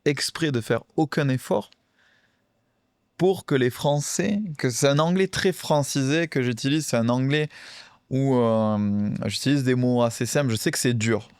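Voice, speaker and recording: Smooth-voiced man chatting casually. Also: medium pitch, a little mellow, no room sound, studio quality. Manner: hesitant, many fillers and restarts. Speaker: podcast co-host, card game player. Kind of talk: casual podcast chat.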